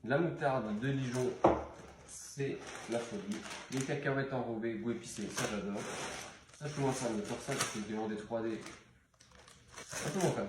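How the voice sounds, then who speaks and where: A man doing casual, playful commentary on a grocery haul, joking and repeating words in a sing-song way. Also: fairly low pitch. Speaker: vlogger. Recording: very echoey room with noise.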